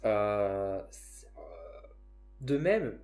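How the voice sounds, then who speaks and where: A man's voice: fairly low pitch, big pitch swings, extremely slow, darkish tone, soft background music. Man with a northern French accent. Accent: northern French (Ch'ti). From northern France. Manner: reflective, frequent hesitations and self-restarts. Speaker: psychic and spiritual vlogger. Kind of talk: casual talk to camera.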